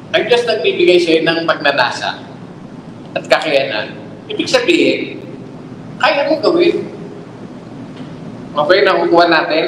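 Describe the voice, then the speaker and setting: A man preaching a sermon, exhorting his listeners with rhetorical questions. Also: high voice. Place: church hall. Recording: echoey hall, faint noise.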